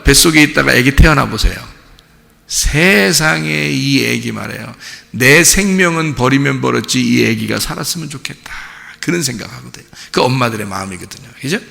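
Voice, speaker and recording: A man preaching a sermon as pastor, talking in a lively, conversational way and acting out biblical figures. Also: mid-range voice, vocal fry, long reverb tail. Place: church sanctuary.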